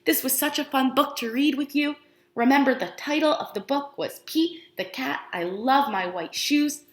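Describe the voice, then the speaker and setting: Using questions and pauses to draw young children in, a preschool teacher gives an animated read-aloud lesson with exaggerated, expressive emphasis. Her voice sits high, and the room adds a spacious indoor echo.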